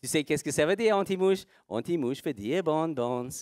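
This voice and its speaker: A man's voice: a little high, expressive, moderate pace, darkish tone, dry recording, studio quality. A man, a horse trainer speaking slightly broken French in a live seminar demonstration, asking rhetorical questions and answering them himself.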